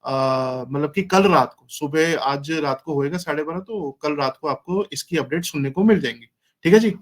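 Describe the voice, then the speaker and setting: A man's voice: on the high side, normal speed. Hesitant man making meeting announcements. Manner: hesitant, with many fillers. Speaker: meeting participant giving announcements. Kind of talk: casual announcement.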